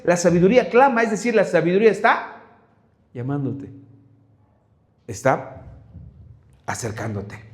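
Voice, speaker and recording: A man's voice: high-pitched, a little mellow, reverberant. A man from Mexico with a Mexican Spanish accent, preaching a sermon and asking one rhetorical question after another. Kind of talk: sermon Bible study.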